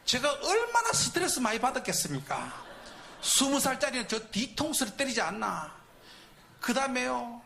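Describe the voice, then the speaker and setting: A man preaching in a church, telling a story with loud acted-out outbursts. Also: very high voice, moderate pace, creaky, a little hiss or hum. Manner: animated storytelling with shouted reenactments. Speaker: preacher at a Friday night service. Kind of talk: storytelling sermon testimony. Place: church sanctuary.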